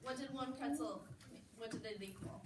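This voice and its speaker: A woman teaching young children in a kindergarten-teacher way, with simple questions and gentle directives. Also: a little high, normal speed. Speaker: teacher leading a children's math lesson. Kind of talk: classroom instruction to young children. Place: classroom. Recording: distant mic, very noisy classroom.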